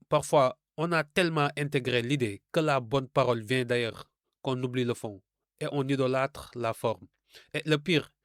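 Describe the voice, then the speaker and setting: A man's voice: mid-range voice, fairly bright tone, no echo. Earnest man delivering a dry, scripted lesson. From francophone Africa. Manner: didactic, rhetorical, addresses the listener directly. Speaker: video essayist. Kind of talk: scripted commentary to camera.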